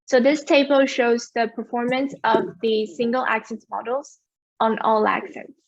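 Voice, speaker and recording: Woman presenting research on a video call, kinda high voice, dry muffled sound. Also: fairly even intonation, a little slow, no room sound. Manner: clear, explanatory, asks for next slide. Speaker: conference presenter. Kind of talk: academic conference talk.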